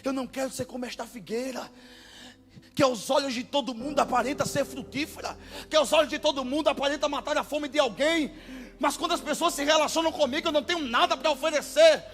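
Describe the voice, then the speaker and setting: A man with a Brazilian Portuguese accent preaching a sermon as pastor, impassioned and bursting into shouted exclamations. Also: extremely high pitch, fast talker. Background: faint music.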